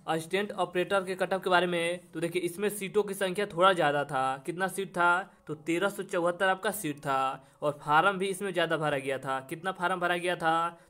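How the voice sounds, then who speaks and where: His voice sits high with a fairly bright tone as he presents an explanatory exam update on his coaching channel. Addressing students directly, he lays out the exam information step by step and goes over points repeatedly.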